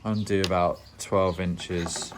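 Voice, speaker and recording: A man's voice: deep voice, fairly even intonation, slow pace, background noise. A man hosting an angling channel, talking through a step-by-step rig-tying tutorial in a plain explanatory way with dry, self-mocking humor.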